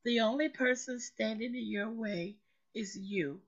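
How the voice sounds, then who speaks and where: Still getting her lost voice back, a hoarse motivational show host delivers a slow, deliberate talk, preaching emphatically and repeating phrases for weight. Her pitch is fairly high, and the recording sounds muffled and lo-fi.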